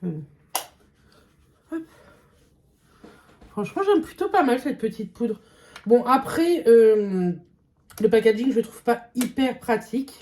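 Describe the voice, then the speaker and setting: Chatty woman beauty vlogger, slightly high. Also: lively intonation, slow pace, pauses often, a little mellow. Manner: chatty, hesitant with many fillers. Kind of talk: casual makeup vlog chat.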